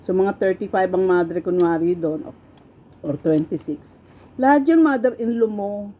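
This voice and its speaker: A woman's voice: medium pitch, measured pace. Chatty Filipina woman telling stories. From Philippines. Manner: animated, laughs often, acts out quoted voices. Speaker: storyteller sharing her life. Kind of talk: casual personal storytelling. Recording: dull, lo-fi with faint background noise.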